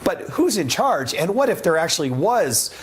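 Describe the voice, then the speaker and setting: Man, middle-aged, raspy, slightly high voice, hesitant, news guest. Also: sing-song, normal speed. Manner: hesitant, repeats words at starts. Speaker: former congressman, guest commentator. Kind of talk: TV interview.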